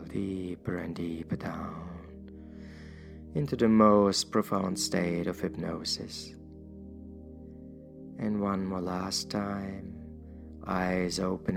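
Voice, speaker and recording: Low, slow, creaky male hypnotist. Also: over music. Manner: soothing, measured, with drawn-out pauses. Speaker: hypnotist guiding a listener. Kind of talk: guided hypnosis induction, soothing instruction.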